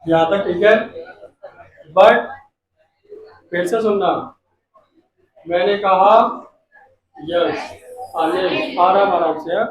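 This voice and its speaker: Slow, loud male teacher in an echoey room. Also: sits high. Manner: reads English lines slowly and loudly, then explains word by word; quizzes the class with repeated questions. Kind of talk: classroom English lesson explained in Hindi. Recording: roomy echo, far from the mic, noisy.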